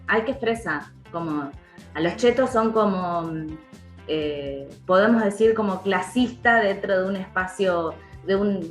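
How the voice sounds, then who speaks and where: A woman's voice: mid-range voice, echoey room. A woman with an Argentine accent, a voice-over and dubbing artist, explaining pronunciation patiently in a podcast interview and repeating words to show the sounds. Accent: Argentine Spanish.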